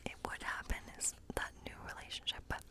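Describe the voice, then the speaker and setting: Whispering soft and breathy, a little on the fast side, a woman takes on the role of a kindly witch for an ASMR tarot reading. Her talk wanders casually and stays encouraging throughout.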